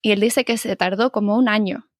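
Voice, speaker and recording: A woman's voice: mid-range voice, steady tone, a little fast, no echo, clean studio sound. A young woman raised in Spain and Puerto Rico, a podcast guest telling her story in a friendly, talkative way. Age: young adult. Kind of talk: conversational interview.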